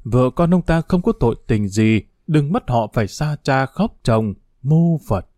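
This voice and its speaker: Man reading as a forgiving old monk in a storybook, slow and solemn, dark-toned. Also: medium pitch, animated, no echo, clean studio sound, lightly acted. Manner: slow, solemn preaching cadence. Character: grieving elderly monk, bereaved father, forgiving.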